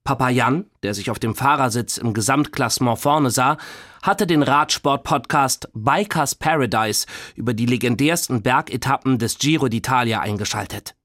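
A man reading an audiobook in lively scripted narration. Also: mid-range voice, normal speed.

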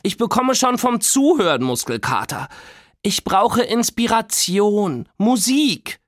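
A man's voice: big pitch swings, takes it slowly, no room sound, clean studio sound, heavily acted. A man doing a whiny cheeky young girl.

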